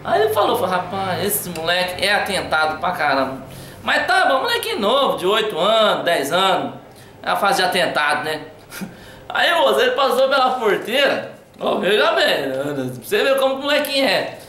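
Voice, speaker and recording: A man telling a funny anecdote in a lively, chatty way. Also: sits high, moderate pace, reverberant. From Brazil. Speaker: storyteller.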